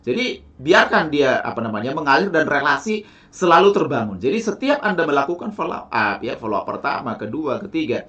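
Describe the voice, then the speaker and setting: Animated man giving sales training. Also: fairly high pitch, brisk, highs cut off. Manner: animated, tags sentences with "ya" and "teman-teman"; acts out sample sales dialogue in lively voices. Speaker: sales and network-marketing trainer. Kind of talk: motivational sales training lecture.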